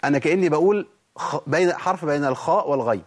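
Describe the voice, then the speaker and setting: A man's voice: fairly high pitch, expressive. Egyptian man teaching Quran recitation. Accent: Egyptian Arabic. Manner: asks and answers his own questions, slow drawn-out recitation of examples. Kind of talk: tajweed lesson on letter pronunciation.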